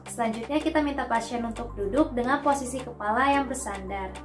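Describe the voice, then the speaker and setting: A young adult woman, a dental student, narrates a scripted instructional demonstration of a procedure, explaining each step politely and carefully. Her voice is fairly high and fairly quick. The room is echoey, with music behind her.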